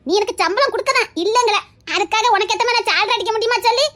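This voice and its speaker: A woman's voice: very high voice, racing, sharp tone. A woman playing a sulky, headstrong young woman with a Tirunelveli accent who pleads against an arranged marriage in a one-voice audio drama. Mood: pleading. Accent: Tirunelveli Tamil. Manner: pleading, whiny, then scheming.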